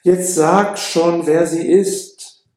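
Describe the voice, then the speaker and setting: A man's voice: fairly high pitch, very animated, measured pace, darkish tone, roomy sound, voice pushed up. A man reading an audiobook voices an eager, impulsive young nobleman who pleads with his friend.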